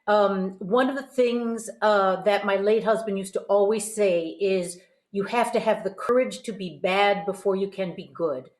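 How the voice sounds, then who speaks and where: A middle-aged or older woman, a host and voice teacher, gives conversational vocal coaching, encouraging and explaining as she goes. Her medium-pitched voice is a little mellow. The recording sounds roomy and echoing.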